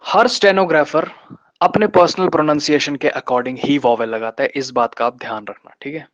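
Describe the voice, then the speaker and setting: A man teaching shorthand in a live online lesson, explaining step by step with patient pauses and slowing down to spell out terms. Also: on the high side, fairly even intonation, fairly bright tone. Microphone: online class microphone. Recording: dull lo-fi online class audio.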